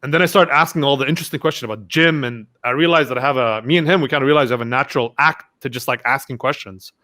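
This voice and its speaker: A man's voice: mid-range voice, rapid-fire. A young man, a podcast guest, telling casual stories and acting out what his friends said. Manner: animated, acts out quoted friends. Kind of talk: casual storytelling interview.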